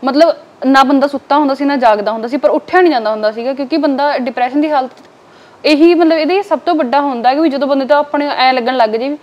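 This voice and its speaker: Young woman, high voice, rapid talk, frank, interview guest, from Punjab. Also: a little mellow, highs cut off. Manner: quick, frank and plain-spoken, with many filler tags.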